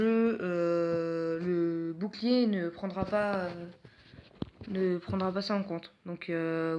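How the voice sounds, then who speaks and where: A man's voice: high-pitched, a bit bright, clear, resonant tone. A man presenting mobile games in casual gameplay commentary, hesitant and full of filler sounds, with self-mocking jokes. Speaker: mobile game video host.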